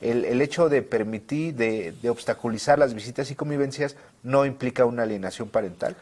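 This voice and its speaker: A man's voice: mid-range voice, brisk, a little mellow. A man hosting a talk show, adding formal, summarizing remarks.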